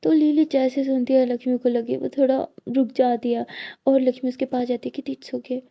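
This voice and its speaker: A woman's voice: sits high, flat delivery, brisk, vocal fry, dull audio. A woman casually narrating a romance story, acting out each character's lines in turn.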